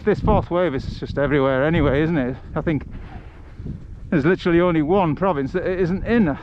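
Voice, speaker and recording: A livestream host and travel vlogger walks along a village road, chatting in a casual, wry, rambling way. His voice is a little high and brisk. Recorded on a head-strapped action camera, the outdoor audio is muffled, with loud wind and ambient noise.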